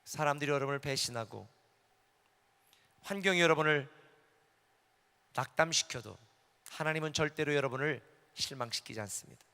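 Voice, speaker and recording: A middle-aged male pastor preaching a sermon, moving between quiet confessional testimony and loud, fervent declarations. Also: on the high side, moderate pace, gravelly, long pauses. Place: large hall at a conference. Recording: echoey hall with long reverb.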